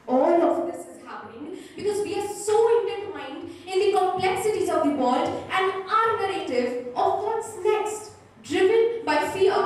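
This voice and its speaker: Teenage girl, high voice, precise deliberate declamation, emphatic pauses, very echoey distant recording. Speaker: school declamation contestant. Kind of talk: rehearsed competitive speech. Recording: echoey hall, distant mic, faint noise.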